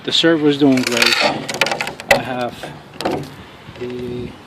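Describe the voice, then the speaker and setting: A man's voice: medium pitch, fairly even intonation. A man talks outdoors on a city street with traffic noise around him. He rants in an irritated, profane way, often stopping and restarting his sentences. It sounds like a casual handheld review recording. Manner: angry, profane ranting with halting restarts. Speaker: RC car hobbyist reviewer.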